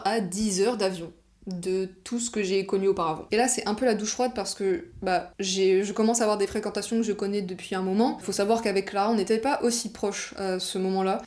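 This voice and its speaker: A woman's voice: mid-range voice, darkish tone. A young woman, chatting casually as a vlogger as she tells stories from her life, with lots of fillers. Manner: chatty, conversational, frequent fillers like genre and bah. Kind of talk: casual storytelling monologue.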